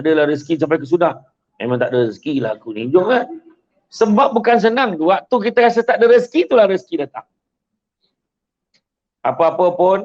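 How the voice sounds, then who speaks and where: Animated Malaysian man, muffled sound. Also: fairly high pitch. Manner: animated, acts out story voices. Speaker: host giving religious advice. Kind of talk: storytelling religious talk. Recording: dull lo-fi sound.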